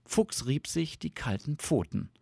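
A man reading a storybook aloud in a soft, lulling narration. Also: medium pitch, animated, a little slow, gravelly, no echo, clean studio sound. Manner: soft, lulling with sound words.

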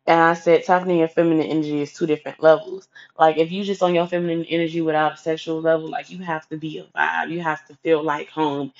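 A woman giving blunt, sassy, profanity-heavy advice in a casual vlog rant. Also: sits low. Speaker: advice vlogger. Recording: dull lo-fi recording.

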